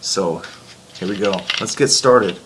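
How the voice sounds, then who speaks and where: A man's voice: on the low side, unhurried, background noise. A man chatting casually and informally to the camera as an amateur video maker, in a laid-back way.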